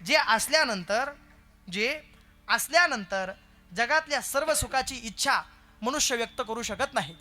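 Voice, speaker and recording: Man, kirtan preacher, high voice, storytelling, teasing the crowd with questions, faint music behind. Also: sharp tone. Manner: storytelling, quizzing the audience playfully. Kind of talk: devotional kirtan sermon. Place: live kirtan gathering.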